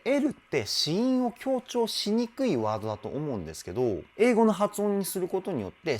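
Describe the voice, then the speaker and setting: Excitable male vocal coach, animated pitch. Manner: excitable, bursts into exclamations between explanations; explains singing technique in a patient teaching tone. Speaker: vocal trainer. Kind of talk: music video reaction and vocal analysis.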